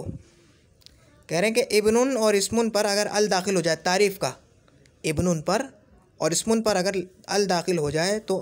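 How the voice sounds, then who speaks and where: High-voiced man teaching Arabic grammar. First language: Urdu. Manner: repeats example words slowly, asks "theek hai?". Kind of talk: explaining a grammar lesson.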